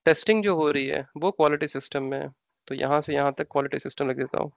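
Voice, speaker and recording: A man's voice: on the high side, steady tone, fast talker, vocal fry, no room sound, muffled recording. A man with an Indian accent, an instructor explaining ideas step by step in a live online class, repeating terms and asking rhetorical questions. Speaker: SAP training instructor.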